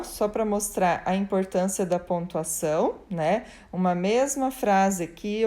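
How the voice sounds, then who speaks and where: A woman teacher talks through a lesson in a patient, explanatory way, checking in with her students after each point. Her voice sits at an ordinary middle pitch. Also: a little mellow. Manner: patient explaining, often ends with "né?" and "tá?"; reads example sentences slowly and deliberately. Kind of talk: recorded class explanation.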